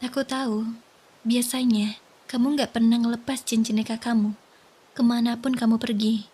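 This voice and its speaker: A woman voicing a soft, breathy worried young wife. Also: a little high, fairly even intonation, normal speed. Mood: gentle. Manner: gentle, coaxing, pleading. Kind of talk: whispered role-play.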